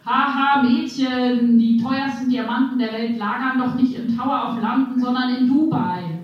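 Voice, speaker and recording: A woman's voice: high-pitched, normal speed, close to an everyday voice. Woman reader playing a condescending queue know-it-all. Muffled, roomy, distant sound. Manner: lecturing, condescending. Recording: dull echoey distant recording.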